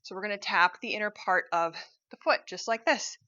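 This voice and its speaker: A woman with a bright, forceful voice coaches a cardio workout while moving along with it. She talks in an upbeat, encouraging way and cues each exercise as it happens. The audio is slightly dull and muffled. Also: mid-range voice, brisk. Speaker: fitness instructor.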